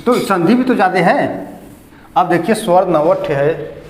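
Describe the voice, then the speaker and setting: A man's voice: high-pitched, lively intonation, a little slow, slight background noise. A man teaching a classroom grammar lesson, repeatedly quizzing his students and correcting their pronunciation. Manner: drills students with repeated questions. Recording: echoey classroom with long reverb.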